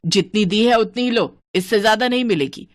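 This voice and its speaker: A woman's voice: medium pitch, a little fast, no room sound, close to an everyday voice. A woman doing a stingy, bossy old mother-in-law. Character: miserly, scheming older mother-in-law. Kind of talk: cartoon voice acting.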